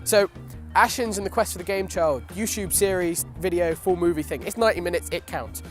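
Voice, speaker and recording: A man's voice: sits high, a little fast. Young man rambling outdoors in the wind. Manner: rambling, repeats himself. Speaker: film review vlog co-host. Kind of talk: casual chat to camera. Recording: windy outdoor recording with music. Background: wind and music.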